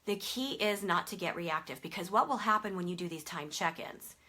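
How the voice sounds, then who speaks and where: A woman's voice: on the low side, animated, a little fast, sharp tone. A woman sleep consultant explaining a method to parents in a conversational way, with many fillers and emphatic stresses.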